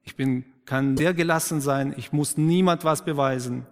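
A man preaching a sermon who questions the congregation, affirms their answers, and drops to a quiet, emphatic tone for key points. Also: on the high side, normal speed. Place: church. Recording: long reverb of a church hall.

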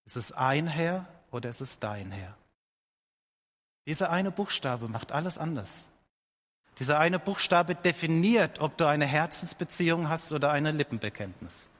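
A middle-aged man preaching a sermon, his voice sitting a little higher than most men's. He speaks earnestly and slows down to stress his points. His words ring out with a long reverb, as in a large church hall. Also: a bit bright. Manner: earnest, slows down for emphasis, quotes scripture with rising voice.

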